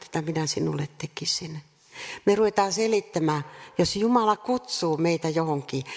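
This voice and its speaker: A woman preaching a sermon earnestly, repeating rhetorical questions and pausing between phrases. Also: on the low side. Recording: reverberant hall sound.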